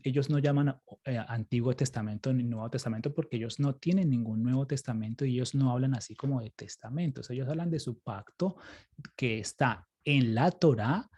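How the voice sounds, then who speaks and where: In a brisk, mid-range voice that is dark and husky, a Colombian priest teaches a Bible study and fields questions with patience. He frequently confirms his audience is following, tagging his lines with "¿cierto?" and "¿sí?".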